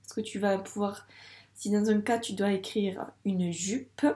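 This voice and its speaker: In a reverberant space, a primary school teacher with a French accent teaches young children to read in a slow, clear video. Her dark, mid-range voice keeps a fairly even intonation at a slightly slow pace as she patiently sounds out syllables.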